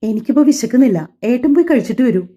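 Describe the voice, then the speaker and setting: A woman voicing a gentle, timid young wife who speaks softly and hesitantly, in an audio drama on slightly dull lo-fi audio. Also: fairly high pitch, animated, fast talker. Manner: soft, hesitant, deferential.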